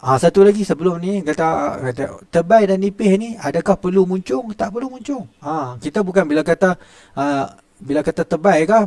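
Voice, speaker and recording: A man's voice: sits high, normal speed, vocal fry, a little mellow, dry recording, clean studio sound. A middle-aged man with a Malaysian Malay accent teaching Quran recitation rules in a chatty classroom style, often starting lines with "ha" and demonstrating sounds. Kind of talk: classroom tajwid lesson.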